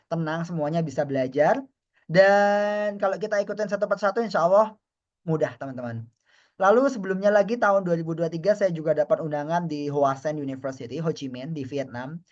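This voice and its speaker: A man's voice: a little high, darkish tone, dull audio. A man from Indonesia, a university lecturer, giving a friendly, chatty online webinar lecture and often addressing the audience as friends.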